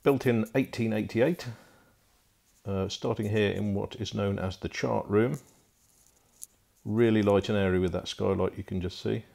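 A man with a lowish, gravelly voice walks through a wooden barge cabin, filming on a handheld phone. He talks off the cuff as a boat broker, pausing with frequent fillers. The sound is close and indoor. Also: fairly even intonation, darkish tone. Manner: casual, unscripted, frequent "uh" fillers. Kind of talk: walkthrough tour narration.

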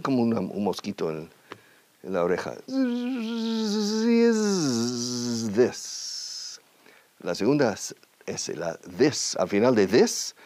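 A man teaching English on television, speaking Spanish with an English-speaking accent and drilling words slowly with emphatic, repeated examples. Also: low voice, darkish tone, dry recording. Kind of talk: televised language lesson. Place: TV studio.

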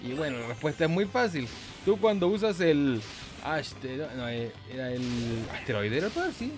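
This gaming YouTuber, a man with a Chilean Spanish accent, has a slightly high voice with big pitch swings and a moderate pace. Game music plays behind his loose, joking commentary, full of swearing, singsong and silly sound effects.

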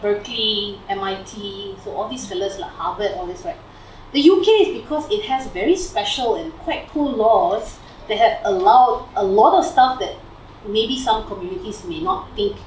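A woman's voice: mid-range voice, normal speed, darkish tone. A young Malaysian woman with a Malaysian English accent, presenting her PhD research to friends in a chatty way, full of fillers and "lah". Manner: chatty, ends phrases with "lah" and "right?", many fillers. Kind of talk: informal talk to friends. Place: living room at home, slide on a TV. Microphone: far camera across the room. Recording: roomy, distant camera audio with faint hiss.

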